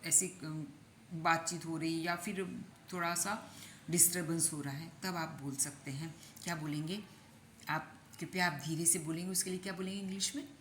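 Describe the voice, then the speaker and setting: A woman with an Indian accent teaches spoken English in Hindi. She repeats the English model sentences slowly, several times over. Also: mid-range voice, a bit bright, echoey room, a little hiss or hum.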